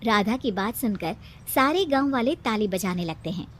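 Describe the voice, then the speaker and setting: A woman's voice: mid-range voice, expressive, normal speed, a bit bright. A woman reading scripted narration for a cartoon story.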